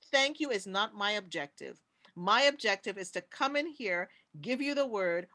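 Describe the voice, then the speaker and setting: Over a video call, a Trinidadian-accented woman delivers an impassioned panel talk, driving her point home by repeating key words. Her voice sits a little high and sounds pushed and bright.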